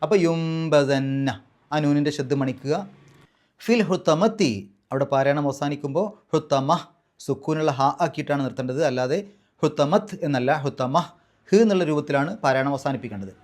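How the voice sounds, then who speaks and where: A man teaching Quran recitation rules in a patient, step-by-step way, slowly drawing out the recited words as examples. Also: medium pitch, a little mellow.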